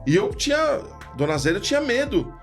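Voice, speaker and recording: Animated male storyteller from São Paulo. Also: high-pitched, a little fast, soft background music. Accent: São Paulo Portuguese. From Brazil. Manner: animated, acts out quoted voices. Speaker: podcast guest, retired police lieutenant. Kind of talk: casual storytelling.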